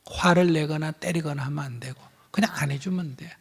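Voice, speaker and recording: A man's voice: on the high side, fairly quick, creaky, husky. A man with a Gyeongsang accent, a Buddhist monk answering questions in a live teaching, blunt and emphatic, acting out bits of dialogue. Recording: hall reverb.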